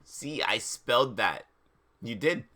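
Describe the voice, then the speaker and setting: In a slow, expressive mid-range voice with a bright, forceful tone, a man gives a dramatic livestream reading of fan fiction. He ridicules the text in incredulous, exaggerated asides, delivered theatrically.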